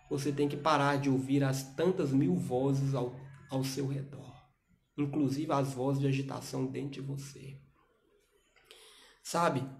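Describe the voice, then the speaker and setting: A man preaching to young people in a livestream sermon, urging with loud rhetorical questions and dropping to soft asides. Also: mid-range voice.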